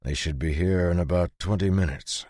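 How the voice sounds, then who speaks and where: Very deep, calm, curt swordsman, read by a man. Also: normal speed, no room sound, studio quality, close to an everyday voice.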